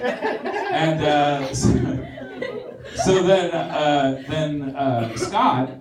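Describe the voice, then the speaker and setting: On a theater stage, a male stand-up comedian with a high-leaning, widely swinging voice tells a story very slowly, rambling and poking fun at himself with plenty of fillers and restarts as the audience laughs. The live recording is very noisy, roomy and echoey, picked up from far away.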